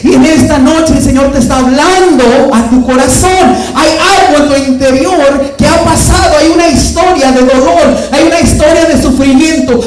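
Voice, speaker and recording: Man preaching in a very echoey hall. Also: very high voice. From California. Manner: switches between Spanish and English, acts out voices. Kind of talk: energetic preaching with acted stories. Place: church prayer meeting hall. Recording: very echoey hall, mic far off, faint noise.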